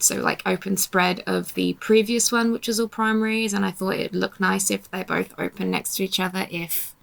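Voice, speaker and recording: Tired and yawning, a young woman talks casually over footage of her painting, muttering self-deprecating complaints at herself. Her voice is mid-range and gravelly.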